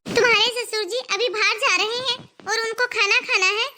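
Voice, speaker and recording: A woman voicing a nagging, fussy elderly mother-in-law in an animated family comedy, scolding and exasperated. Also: very high-pitched, brisk, a little hiss or hum. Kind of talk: cartoon voice acting.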